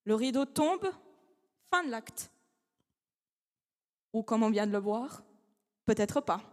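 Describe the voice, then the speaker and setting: Competing in an eloquence contest, a young law student speaks formal French as a second language, her fairly high voice echoing at length through a big academic hall. Her intonation is lively and a little mellow as she delivers dramatic, measured lines broken by rhetorical pauses.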